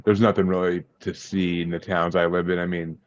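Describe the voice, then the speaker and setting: This Massachusetts man, appearing as a guest on a podcast, talks in an easygoing, halting way and frequently says things twice. He speaks fairly quickly in a low, flat voice, and the sound is lo-fi.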